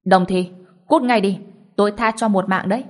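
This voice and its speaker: A woman's voice: medium pitch, normal speed, darkish tone, lightly acted. A woman voicing a proud male martial master who speaks coldly and with scorn. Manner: cold, scornful.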